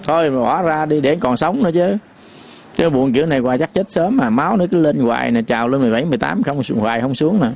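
Gravelly preacher man. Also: on the high side, darkish tone. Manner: repetitive, folksy, chants verse lines slowly. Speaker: Buddhist teacher. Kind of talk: sermon.

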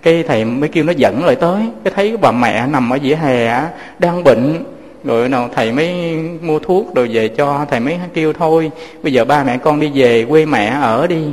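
A man, a Buddhist teacher preaching gently to listeners he calls his children and telling moving stories. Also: on the high side, brisk, long reverb tail. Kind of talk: sermon with storytelling.

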